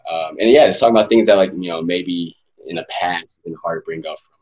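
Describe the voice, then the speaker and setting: A man's voice: low-pitched, fast talker, darkish tone, lo-fi sound. A man in his mid twenties, a podcast guest, talking thoughtfully and searching for words. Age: 20s. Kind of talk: casual interview chat.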